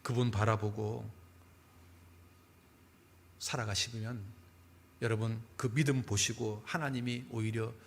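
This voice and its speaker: A male pastor telling stories in a sermon, with animated delivery and dramatic pauses. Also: fairly low pitch, slight background noise. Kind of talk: sermon storytelling.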